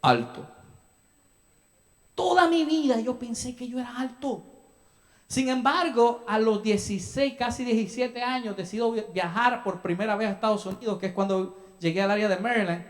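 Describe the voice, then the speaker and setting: A man's voice: extremely high pitch, normal speed. A young man from El Salvador preaching a sermon as a pastor in a church, talking to the congregation with questions and acted-out asides. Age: young adult. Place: church sanctuary.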